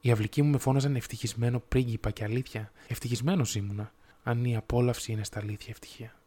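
A man voicing a sorrowful male prince statue, speaking in a low, soft, musical voice. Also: fairly even intonation, lightly acted. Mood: wistful.

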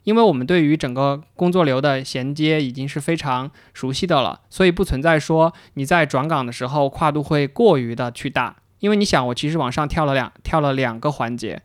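Man, podcast co-host, reflective storytelling, slightly higher voice, dry close sound. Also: fairly quick, hardly any pauses, no room sound. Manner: reflective, storytelling, some repeated words. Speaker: podcast co-host, interaction designer. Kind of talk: casual chat.

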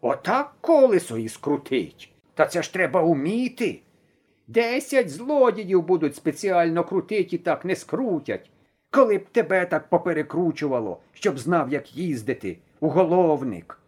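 A man voicing a grumpy old village grandfather who scolds slowly and gruffly in an audiobook story. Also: on the high side, sing-song, a little mellow, voice pushed up. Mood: scolding.

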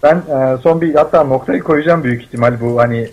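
A young man calling into a live radio show, hurried and laughing. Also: mid-range voice, dull audio. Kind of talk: casual live radio chat.

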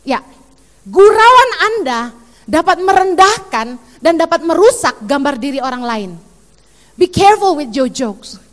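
Woman pastor, very high voice, animated sermon, echoey hall. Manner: animated, acts out quoted voices.

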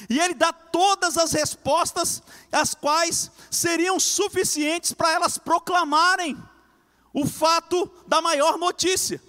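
A man preaching a fervent sermon, swinging between loud cries and hushed lines. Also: very high voice, big-room sound.

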